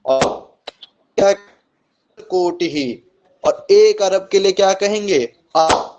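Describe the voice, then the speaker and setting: Slow, high-voiced Sanskrit teacher reciting. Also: male voice, a little mellow, a little hiss or hum. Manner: slow, deliberate recitation with frequent "ठीक है?" checks. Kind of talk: online coaching class lesson, reciting numbers. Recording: slightly dull lo-fi recording.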